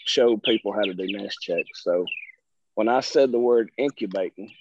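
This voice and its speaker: A middle-aged man talks in an easygoing, folksy way in a Southern American drawl, and his voice sits a little low. The video-call audio is dull and muffled, with a faint hiss underneath. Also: moderate pace. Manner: folksy, self-deprecating, drawling. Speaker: guest presenter on a video call. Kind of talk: casual chat.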